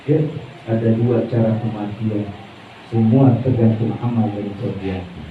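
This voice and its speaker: A man preaching a sermon at a memorial prayer gathering. He is folksy and joking, swinging between loud shouts and low asides. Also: fairly even intonation, unhurried. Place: community gathering, indoors or under a tent. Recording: tinny distant recording with heavy echo and faint noise.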